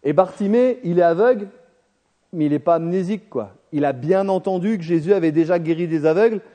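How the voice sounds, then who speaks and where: A man preaching a sermon, talking straight to his congregation and telling the story with lively, acted-out voices. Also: high voice, a little fast. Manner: animated storytelling, addresses the congregation directly; acts out the people in the story with shifting voices.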